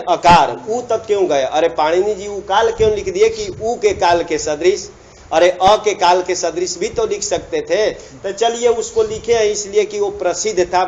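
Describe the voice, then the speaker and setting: High-voiced man teaching grammar, muffled. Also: a little mellow, slight background noise. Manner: drawn-out, repeats and prompts students for answers. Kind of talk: classroom lecture with call-and-response.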